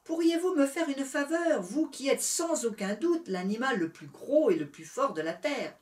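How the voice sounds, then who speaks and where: A woman's voice: high voice, expressive, moderate pace, a little mellow, echoey room, far from the mic, voice pushed up. A woman voicing a small, clever, scheming male rabbit in a storybook reading, eager and breathless. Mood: pleading.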